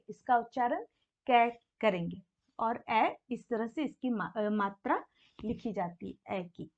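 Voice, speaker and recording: A high-pitched woman teaches a beginner's lesson at an unhurried pace. She repeats each sound carefully, asking a question and then answering it herself. The recording is dull and lo-fi. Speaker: Hindi teacher. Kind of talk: slow explanatory lesson.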